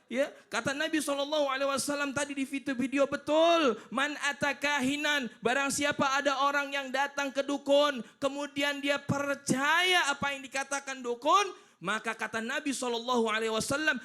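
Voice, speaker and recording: A man's voice: extremely high pitch, bright, forceful tone. A man preaching in a humorous televised sermon, playful and joking, acting out little voices. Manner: playful, acts out voices and jokes.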